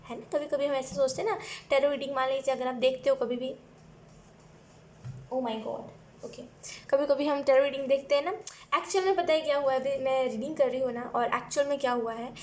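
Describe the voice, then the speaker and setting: A young woman talks through a tarot reading in a loose, chatty way, slipping English phrases in. Her voice sits high. Faint noise hums under the recording. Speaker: tarot reader. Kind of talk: casual tarot reading to camera.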